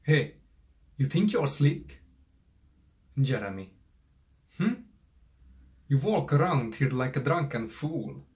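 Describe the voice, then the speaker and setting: A young man performing an audition monologue as a menacing, jealous man confronting a rival in a deliberate, confrontational way. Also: mid-range voice, big pitch swings, a little mellow. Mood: menacing, forceful. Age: young adult. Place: small furnished room indoors. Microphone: camera a short distance away.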